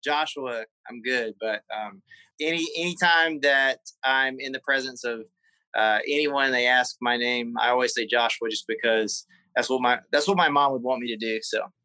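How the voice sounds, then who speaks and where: A man with a Southern US accent, a guest in a personal interview, talking haltingly with many fillers and repeated words. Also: medium pitch, bright, forceful tone, clean tone, dry recording, rough recording. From South Carolina.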